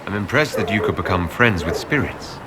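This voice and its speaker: Low, animated, inquisitive adventurer. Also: male voice, brisk, heavy background noise. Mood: probing. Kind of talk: video game dialogue.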